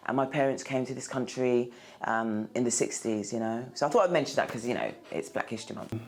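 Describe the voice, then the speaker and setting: A woman's voice: very deep voice, fairly quick, darkish tone. Easygoing North London woman, professional vocalist, casual interview manner. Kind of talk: interview speaking to camera.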